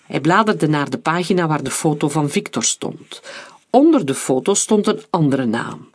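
A narrator reading a thriller aloud in a measured storytelling manner. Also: mid-range voice, very animated, breathy edge. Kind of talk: audiobook narration.

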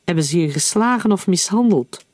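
A man's voice: high-pitched, animated, a little fast, a little mellow, dry recording, clean studio sound, pitched above the performer's own voice. A man doing a wary, careful young man.

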